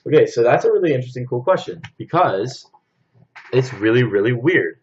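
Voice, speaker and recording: A man's voice: medium pitch, very animated, fairly quick, dull audio. A young man hosting a casual livestream, answering viewer comments in a chatty way full of "like" and "um". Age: young adult. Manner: chatty, filler-heavy, many "like"s and "um"s.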